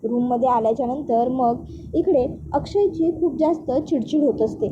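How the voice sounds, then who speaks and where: High-voiced woman recapping a serial. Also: moderate pace. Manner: steady storytelling. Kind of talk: spoken episode recap. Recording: dull audio with faint noise.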